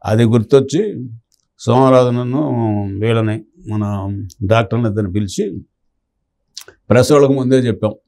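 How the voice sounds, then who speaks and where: A man's voice: mid-range voice, normal speed, pauses often, mellow. An older man telling a long story in an interview and acting out the words of the people in it. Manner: anecdotal, acts out quoted dialogue. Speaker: retired police officer recounting memories.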